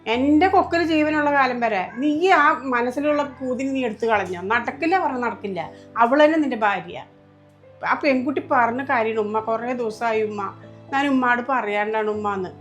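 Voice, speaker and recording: A woman's voice: on the high side, normal speed, faint music behind, natural voice. A woman playing a stern mother in a family short film, emphatic and reproachful. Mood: angry, scolding. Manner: scolding, emphatic, lamenting. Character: stern mother, fiercely protective of her daughter-in-law. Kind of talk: home-made family drama acting.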